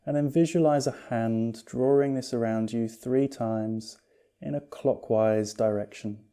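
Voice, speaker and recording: A man leading a guided yoga meditation as a teacher, calm and unhurried, speaking in a soothing, gently reassuring way. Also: mid-range voice, clear, resonant tone.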